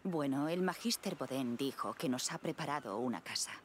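A woman playing a calm, caring mother in a medieval video game, composed and reassuring, with an accent from Spain. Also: very deep voice, normal speed, slight background noise.

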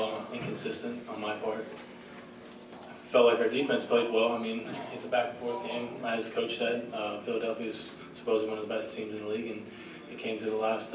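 A young man fields questions after a game, pausing often and filling gaps with ums as he picks apart his own play. His voice sits low and barely moves in pitch. The sound is distant and echoey, with steady room noise behind him. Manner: halting, many fillers, self-critical. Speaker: quarterback at a press conference. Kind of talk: post-game press conference answers. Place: large echoey press room.

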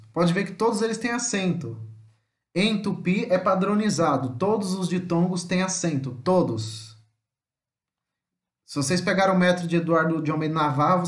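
A Brazilian man teaching an online language lesson, explaining slowly and spelling out and repeating example words. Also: sits high, echoey room. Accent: Brazilian Portuguese.

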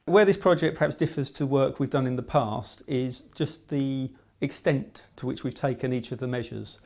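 A middle-aged English man talks through a project in a documentary interview. His delivery is measured and explanatory, recorded indoors in a quiet room. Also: mid-range voice. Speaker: project manager.

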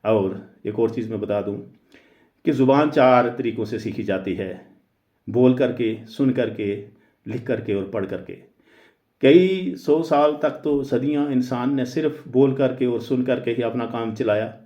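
A man teaching in a deliberate lecture, pausing often on "uh" and mixing English phrases into his speech. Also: mid-range voice, warm tone. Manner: deliberate, hesitant with frequent "uh" fillers. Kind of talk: explanatory lecture. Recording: roomy, dull lo-fi recording.

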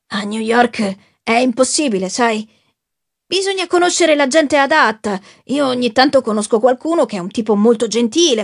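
A woman reading the part of a brooding young man who wants to be an actor, in a sulky, bitter voice. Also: on the high side. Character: brooding young male would-be actor, resentful. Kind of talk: audiobook reading.

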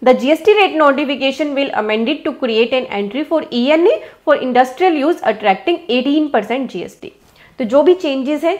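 A woman in her thirties with an Indian English accent teaches tax rules from a small office, speaking into a lapel mic. Her voice sits a little high. She reads the English passages slowly and carefully, then explains them quickly in mixed Hindi and English. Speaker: tax educator.

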